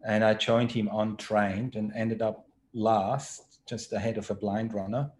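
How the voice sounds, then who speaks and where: A man, a podcast guest telling his story in a measured way over a video call. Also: fairly low pitch, steady tone, a little hiss or hum. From Switzerland. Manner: measured, unhurried storytelling with hesitant fillers. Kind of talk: casual interview chat.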